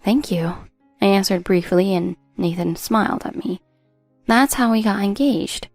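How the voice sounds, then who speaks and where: A woman reading a first-person drama story as a narrator in a steady storytelling delivery. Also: medium pitch, moderate pace, gravelly, no echo, soft background music.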